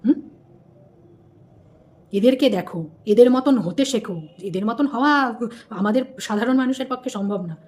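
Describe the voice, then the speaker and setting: With a medium-pitched, darkish voice, a woman from India hosts a laid-back commentary vlog. Her manner is scolding and repetitive, peppered with rhetorical questions tossed to the audience.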